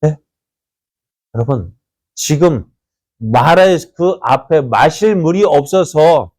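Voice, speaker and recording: With a fairly high voice captured in a dry recording, a preacher addresses his church congregation. He dramatizes the story by voicing its characters and poses questions to those listening.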